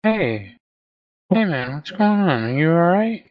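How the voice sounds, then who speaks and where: A man's voice: sits high, sing-song, unhurried, no room sound, highs cut off. A man making a casual prank call, laughing and swearing as he repeats himself. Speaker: prank caller.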